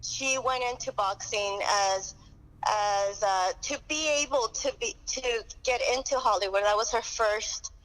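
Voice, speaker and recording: A woman's voice: mid-range voice, measured pace, fairly bright tone, poor audio. A woman calling in on speakerphone, an outspoken publicist chatting casually and asking blunt questions. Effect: heard over a phone on speakerphone. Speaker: boxing publicist and marketing manager calling in. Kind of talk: casual call-in chat. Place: at an airport before a flight.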